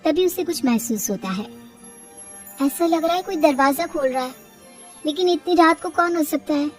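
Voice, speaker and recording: A woman narrating an animated family story in a steady storytelling manner. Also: high-pitched, normal speed, far from the mic. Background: soft music.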